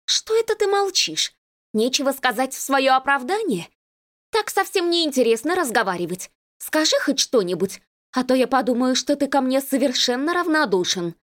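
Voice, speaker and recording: A woman voicing a jealous young woman chattering fast and shrilly on the phone. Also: very animated, fairly bright tone. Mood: suspicious, shrill. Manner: rapid, shrill, accusing.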